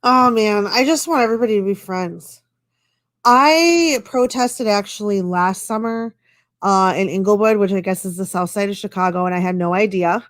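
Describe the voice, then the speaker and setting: A woman's voice: medium pitch, normal speed, no echo, studio quality. A woman hosting a casual live-stream chat, rambling along with lots of fillers. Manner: chatty and rambling, with many fillers. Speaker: stream host.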